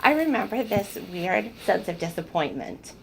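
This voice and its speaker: A spiritual speaker shares personal stories casually, earnest and emotional, often restarting her sentences. Her mid-range voice is sing-song and creaky at a moderate pace, and the rough recording carries slight background noise.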